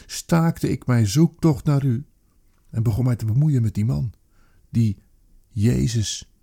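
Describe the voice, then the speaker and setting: A man with a very dark, gravelly and husky voice reads a dramatic monologue. He speaks intensely and places each word with weight, pausing deliberately between phrases. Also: medium pitch. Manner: intense, emphatic, with slow deliberate pauses. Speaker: narrator.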